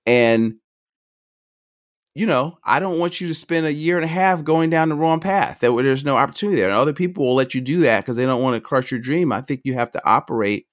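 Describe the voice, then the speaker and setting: A middle-aged man, a financial advisor guest on a podcast, talking quickly and energetically, often restarting his sentences. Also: medium pitch. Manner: energetic, talks fast, jumps between points with restarts. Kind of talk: conversational podcast interview.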